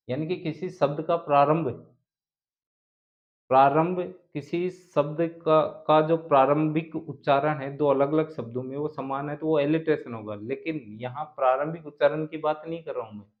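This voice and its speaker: A man's voice: fairly high pitch, fairly even intonation, normal speed. A male teacher giving an exam prep lecture, who keeps asking questions and answering them himself and mixes English terms into his explanations. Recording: echoey room, dull lo-fi sound.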